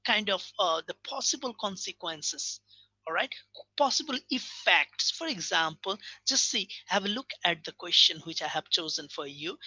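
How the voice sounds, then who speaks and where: Male lecturer from Bangladesh, earnest explainer, lively melodic delivery. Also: sits high, no room sound, low-quality recording. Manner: earnest, explanatory, checks in with listeners. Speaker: English teaching lecturer. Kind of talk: video lecture.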